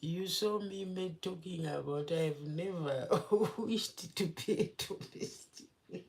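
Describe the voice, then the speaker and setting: A woman's voice: lowish voice, takes it slowly, a little mellow. A young woman hosting a casual live stream, chatting with viewers, greeting them by name and laughing often. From Zimbabwe. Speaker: livestream host.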